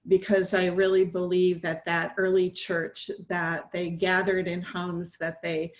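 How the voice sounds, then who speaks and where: A woman's voice: lowish voice, flat delivery, a little slow. A woman minister speaking on an online panel over a video call, earnest and reflective, often restarting her phrases. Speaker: conference minister. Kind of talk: panel discussion remarks.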